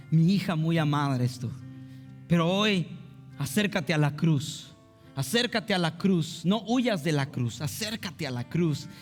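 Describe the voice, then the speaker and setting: A man preaching a fervent, emotive sermon as pastor at a church service. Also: sits high. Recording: reverberant hall with soft guitar.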